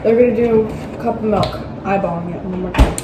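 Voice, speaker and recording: A woman's voice: medium pitch, brisk, recorded from a distance. A woman vlogging casually at home, rambling and poking fun at herself with plenty of ums. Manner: rambling, self-mocking, lots of ums. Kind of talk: casual cooking vlog chat. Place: home bathroom and kitchen. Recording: roomy, from off-mic, household noise.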